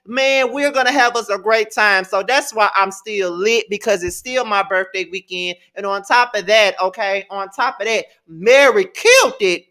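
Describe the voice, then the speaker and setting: A man, hosting a live-stream review in a sassy, playful and animated way. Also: sits high, moderate pace, few pauses. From Mississippi, US. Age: 30s. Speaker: livestream host.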